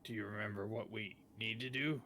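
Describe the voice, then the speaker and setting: A man's voice: fairly low pitch, steady tone, brisk, pushed and bright. A man chatting casually as a player in a tabletop role-playing game. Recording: clearly noisy background with clicking.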